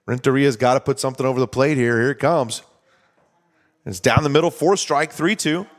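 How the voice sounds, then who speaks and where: A male baseball announcer with a mid-range voice, calling each pitch in an even, conversational way. Between plays he explains the strategy, keeping a relaxed, steady flow. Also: brisk. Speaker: play-by-play announcer. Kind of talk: baseball commentary.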